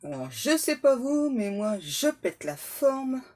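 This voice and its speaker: Chatty higher-voiced French-speaking tarot reader. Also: female voice, big pitch swings, takes it slowly, noisy background. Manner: chatty, joking asides to her spirit guides; self-mocking, laughs at herself. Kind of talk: casual tarot reading to camera.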